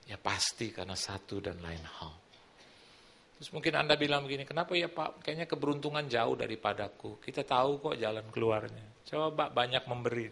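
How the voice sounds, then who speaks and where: Animated gravelly male pastor preaching. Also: mid-range voice, a little fast, a little hiss or hum. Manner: animated, acts out quoted people. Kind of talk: sermon with storytelling. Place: church.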